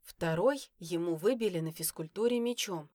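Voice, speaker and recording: A woman narrating a first-person family story in an expressive, lively reading style. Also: on the low side, normal speed, dry recording. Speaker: audiobook reader. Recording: dry close recording.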